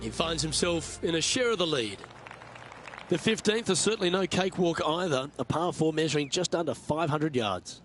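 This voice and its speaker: A man's voice: a little high, lively intonation, normal speed. A man giving live play-by-play golf commentary as a tournament commentator. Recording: crowd and loud outdoor noise behind. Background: tournament crowd, outdoor ambience.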